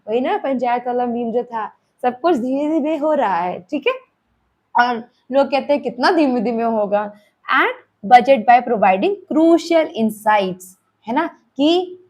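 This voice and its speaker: A young woman with an Indian accent, giving a classroom lecture that mixes Hindi and English. She talks to her students conversationally and keeps checking in with them. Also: on the high side. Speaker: teacher.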